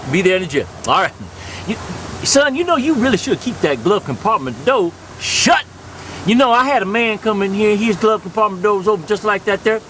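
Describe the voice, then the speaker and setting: A man's voice: high-pitched, animated, brisk, a bit bright, a little hiss or hum. A man doing a folksy rambling old gas attendant. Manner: rambling, folksy, repeats himself, cackles. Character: chatty old country gas station attendant.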